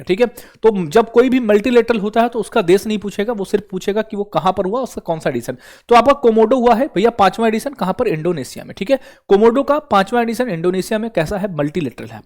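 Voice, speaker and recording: A man's voice: high-pitched, darkish tone. A man teaching exam prep, who keeps asking the viewer questions and answering them himself. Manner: repeats questions to the viewer and answers them, calls listeners brother.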